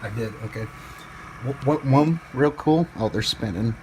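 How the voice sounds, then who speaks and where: His voice is mid-range and darkish, unhurried, with slight background noise. A tired young PC hobbyist, he rambles through a casual show-and-tell of his build, often swearing and poking fun at himself.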